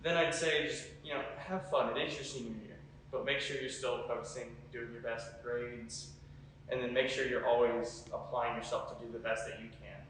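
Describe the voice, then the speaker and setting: A man's voice: mid-range voice, fairly even intonation, normal speed, fairly bright tone. A young adult man, a college student, giving casual answers in an interview. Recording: very echoey, distant mic, faint noise.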